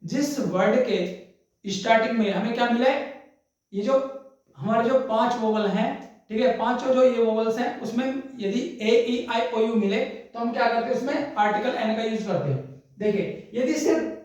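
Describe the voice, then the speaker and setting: A man's voice: very high-pitched, moderate pace, a little mellow, dull audio. A male grammar teacher giving a classroom lesson. He repeats each point, asks his students rhetorical questions and calls them "brother". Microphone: distant microphone. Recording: very echoey room, far from mic.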